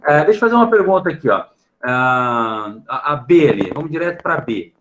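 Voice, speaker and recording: A man's voice: fairly high pitch, animated, a bit bright, poor audio. A Brazilian man teaching an online class, explaining patiently and checking in with the students after nearly every phrase. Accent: Brazilian Portuguese. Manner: explains patiently, filling pauses with a questioning tag. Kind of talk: online class for middle schoolers. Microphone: computer mic on a video call.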